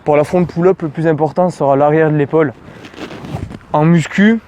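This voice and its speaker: A man's voice: a little high, fairly even intonation, moderate pace, a little mellow. French man coaching casually outdoors. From France. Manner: informal, addresses viewer as tu, jokey asides. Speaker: calisthenics coach. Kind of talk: casual outdoor workout tutorial.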